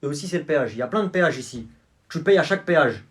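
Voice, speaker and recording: A man's voice: on the high side, lively intonation, fast. A young man acting in comedy skits, hesitant and full of fillers. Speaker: comedy skit actor.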